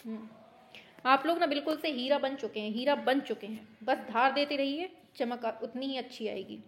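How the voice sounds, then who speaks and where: A woman teacher running a quick quiz lesson, brisk and teasing, scolding her students in mock anger as if they were children. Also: high voice, slight background noise. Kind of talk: online exam-prep quiz lesson.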